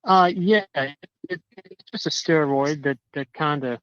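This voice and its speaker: A man calling in on a crackly phone line that fades in and out, walking a dog outdoors and telling his story in a halting, indignant way, often repeating words. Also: fairly high pitch, fairly bright tone, clean tone, no echo. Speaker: caller. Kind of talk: casual chat. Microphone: cell phone.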